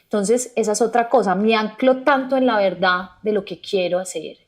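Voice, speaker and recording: A woman's voice: mid-range voice, moderate pace. Earnest woman, yoga teacher. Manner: earnest, acts out inner dialogue in quoted voices. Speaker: yoga teacher, podcast guest. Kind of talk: reflective conversational interview.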